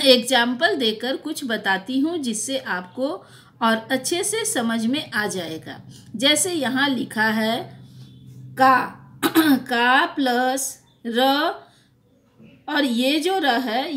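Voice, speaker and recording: A woman teaching Hindi to young children, speaking slowly and patiently, repeating words and asking the class questions. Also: high-pitched, animated, a bit bright.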